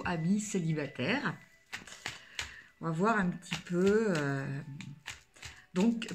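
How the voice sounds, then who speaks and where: French woman doing a tarot reading, talks slow, lots of euh and restarts, lowish voice, faint hiss behind. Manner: hesitant, many fillers and restarts. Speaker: tarot card reader. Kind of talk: casual tarot reading video.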